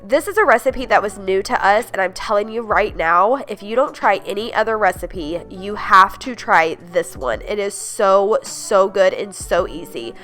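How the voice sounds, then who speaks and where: A young home cooking vlogger narrates her weekly dinners in a casual recipe voice-over, her stuffed-up nose making her sound thick and nasal. Upbeat and gushing, she speaks at an everyday mid pitch, expressive and at a moderate pace with hardly any pauses, sprinkling in "like" and "you guys". Faint music plays quietly in the background.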